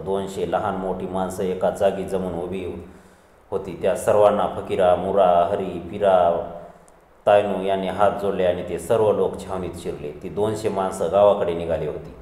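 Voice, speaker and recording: A man narrates a novel in a steady, measured storytelling voice. His tone is low and mellow. The recording sounds roomy, with a long reverb tail. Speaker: audiobook narrator. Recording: echoey room with long reverb.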